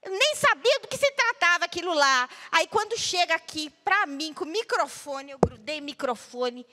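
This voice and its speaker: A woman, a guest speaker, telling a personal story to an audience, swinging between loud outbursts and hushed low tones. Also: expressive, moderate pace. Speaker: guest speaker at a panel talk. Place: large hall at a cultural center. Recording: long hall reverb.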